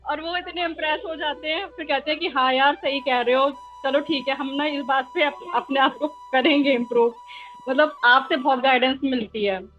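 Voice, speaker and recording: A talkative woman student shares her story in a casual chat, often pausing on fillers. Her voice is very high. The audio sounds dull and muffled, with faint music behind. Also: steady tone. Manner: talkative, hesitant with many fillers. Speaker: tarot student.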